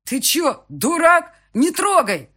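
A man doing a shrill panicking young guy. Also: wildly swooping pitch, slow pace, exaggerated voice. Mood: panicked yelling. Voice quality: shrill, shouting.

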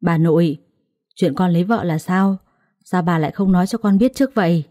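Storybook: a haughty young lord, curt and scolding, as a woman narrator puts him on, warm low voice. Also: fairly quick, dry recording, clean studio sound, natural voice. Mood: demanding. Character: arrogant cold young master, a man.

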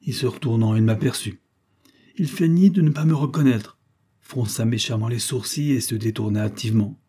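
A man reading a literary story aloud as an audiobook narrator, in a measured, grave way. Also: medium pitch, dark tone, breathy edge. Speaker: audiobook reader.

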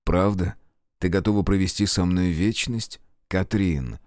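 A man voicing a courteous, demonic gentleman who speaks slowly and solemnly in an audiobook. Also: low-pitched, no echo, clean studio sound. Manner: slow and solemn. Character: suave demonic male seducer, courteous and solemn.

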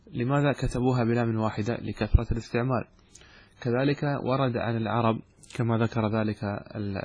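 A man teaching a lesson on Arabic grammar, explaining step by step, asking questions and answering them himself, and drawing out example words slowly. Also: mid-range voice, a little mellow, husky, no room sound.

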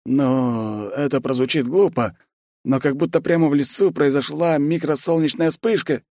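A man's voice: a little high, moderate pace, a little mellow, no room sound, clean studio sound, pitched above the performer's own voice, lightly acted. A man voicing a stout, servile general who reports anxiously to his emperor in an audiobook. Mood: nervous. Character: stout middle-aged general, nervous, servile.

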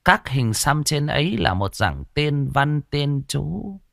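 A man voicing a frail, trembling clan elder over a hundred years old in a ghost story, speaking slowly and solemnly. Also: on the high side, sing-song, vocal fry, a bit bright, dry recording, studio quality, pitched above the performer's own voice, full character voice. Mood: wry.

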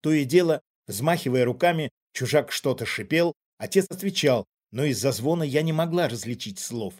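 A man reading a first-person story as an audiobook narrator in a steady, even manner. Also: mid-range voice, moderate pace. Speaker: audiobook reader.

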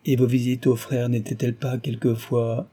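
Young woman in an audiobook, read by a man, anxious, earnest, dark tone. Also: medium pitch, level tone, normal speed, lightly acted.

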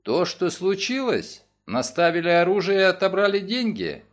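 A man doing a curt, low-voiced lawyer. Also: big pitch swings, moderate pace. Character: calm, terse middle-aged male lawyer.

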